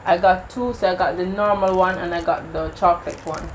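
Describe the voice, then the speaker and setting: Jamaican woman host, chatty explainer, low voice over background noise. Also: fairly even intonation, a little fast, rough recording. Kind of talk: casual mukbang chat.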